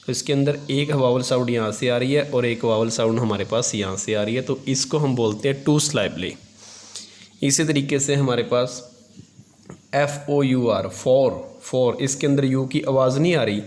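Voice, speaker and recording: A man's voice: mid-range voice, darkish tone. Hindi-speaking man teaching English grammar. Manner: explains step by step, asks and answers his own questions; stretches English terms slowly while dictating. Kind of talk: classroom lesson explained in Hindi.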